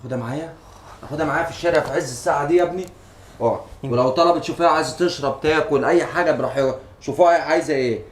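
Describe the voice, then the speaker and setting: A man's voice: fairly high pitch, slight background noise. A middle-aged man with an Egyptian Arabic accent, playing a scolding, order-giving father in a casual family skit. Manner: bossy, scolding, quick to give orders.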